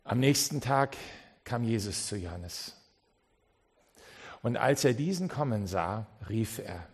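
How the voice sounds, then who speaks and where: A man preaching a sermon in a church. He moves between quiet, low passages and loud, rising appeals, and he often repeats words and restarts. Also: animated, takes it slowly, slightly rough.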